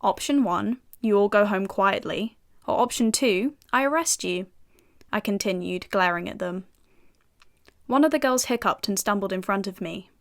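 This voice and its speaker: A woman's voice: mid-range voice, normal speed, close to an everyday voice. A young British woman playing a self-assured FBI agent and narrating in first person with dry, sardonic asides. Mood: wry. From United Kingdom.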